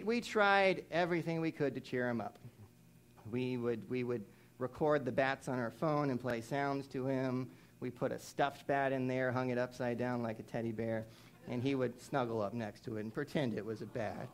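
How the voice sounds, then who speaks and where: A young adult man preaching a sermon in a conversational, animated way, telling a story and mimicking animal sounds. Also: mid-range voice, normal speed, a little hiss or hum.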